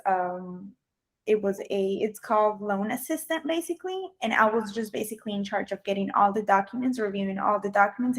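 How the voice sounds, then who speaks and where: A young Colombian woman, a native Spanish speaker, answers questions as a candidate in a video job interview. Her mid-range voice is slightly bright, and she hesitates a lot, with many ums and restarts. The sound comes through a video call.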